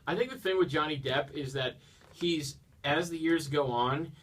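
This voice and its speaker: A man's voice: on the high side, normal speed, fairly bright tone, slightly rough. An American man hosting a radio interview, playful and jokey, with frequent stumbling restarts. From United States. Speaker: radio host. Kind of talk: casual interview.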